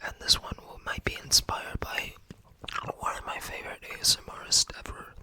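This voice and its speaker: An ASMR creator from the United States rambling casually in a breathy whisper, hesitant, self-effacing and often searching for words. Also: normal speed.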